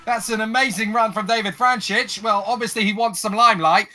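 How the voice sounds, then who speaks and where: A man calling a motor race live as a commentator, with an excitable, dramatic delivery and colourful turns of phrase. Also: high-pitched, a little fast.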